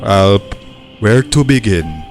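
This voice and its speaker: A wise old elf elder from the forest, speaking in slow, solemn, measured phrases, as the dungeon master puts him on. The delivery is unhurried, and faint music plays in the background. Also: male voice, lowish voice, lively intonation.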